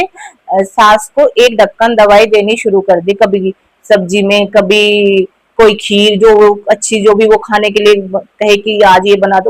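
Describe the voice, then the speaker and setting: A woman's voice: medium pitch, no echo, low-quality recording. A woman casually telling a moral family story, chatty, with fillers and restarts.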